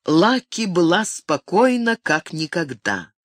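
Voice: mid-range voice, very animated, slow pace, no room sound, clean studio sound. An audiobook narrator giving a dramatic reading of a novel.

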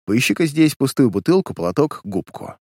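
A calm, dry-spoken detective voiced by a man reading aloud, curt and businesslike. His intonation still moves a lot, and the recording is dry and close. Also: mid-range voice, moderate pace, slightly rough, dry recording, voice pushed up.

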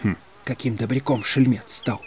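A male reader voicing a sly male landowner who mutters asides in a low, confiding tone. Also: fairly even intonation, normal speed, a little mellow, slightly rough. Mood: sly, whispering.

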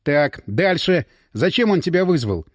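Brief: man playing brusque cop, clipped and demanding, fairly high voice, dry read. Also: big pitch swings, unhurried, no room sound. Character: tough male police detective, pushy and urgent. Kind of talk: audiobook character voice.

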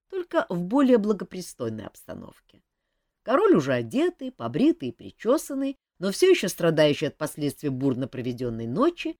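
Wry expressive audiobook narrator, woman, lower voice, very animated pitch, dry close sound. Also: no echo.

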